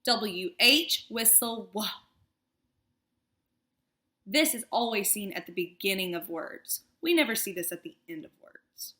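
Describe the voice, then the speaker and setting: A young woman teaching phonics to first graders, slowly sounding out letters and words and praising the class. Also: medium pitch, big pitch swings, fairly bright tone. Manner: encouraging praise. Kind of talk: phonics lesson for young children.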